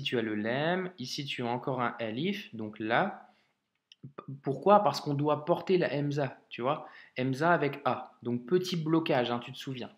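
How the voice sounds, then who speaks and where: Male tutor, unhurried and patient, friendly direct address, spells each letter, roomy echo. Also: on the high side. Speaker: Arabic reading teacher. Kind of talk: slow step-by-step reading lesson.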